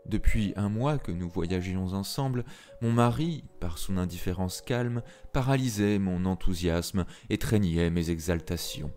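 A man's voice: deep voice, unhurried. A man voicing an anguished young wife. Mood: tearful confession. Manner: pleading, emotional, impassioned. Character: young married woman, 24, anguished, confessing. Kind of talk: dramatic reading of a literary tale. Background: soft piano music.

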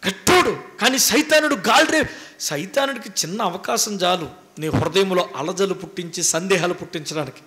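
A man's voice: high-pitched, normal speed, sharp tone. A man preaching a sermon as pastor, emphatic and repetitive in his delivery.

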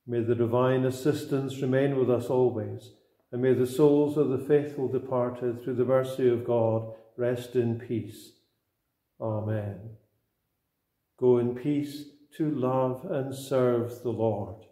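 Man reciting prayers in cathedral echo. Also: mid-range voice. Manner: slow, steady, even-toned reciting. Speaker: prayer leader. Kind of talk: slow liturgical recitation.

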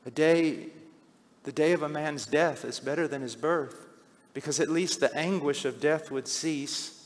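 A middle-aged man preaching a sermon, swinging from hushed, slow passages to loud, shouted cries. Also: on the high side. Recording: long hall reverb.

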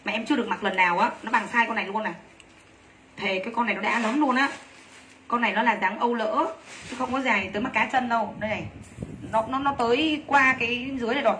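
Woman hawking clothes on a livestream, super fast and bright, kinda high voice, teasing and gushing. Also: slight background noise. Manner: rapid, teasing, gushing with frequent laughs. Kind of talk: live sales pitch.

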